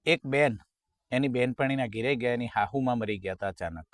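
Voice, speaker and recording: A man tells one folk comedy joke after another. He acts out his characters' lines and now and then sings a slow line of a folk song. His voice sits at a middle pitch, recorded close and dry. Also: no echo. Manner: storytelling, acting out characters' lines. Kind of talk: Gujarati folk stand-up jokes.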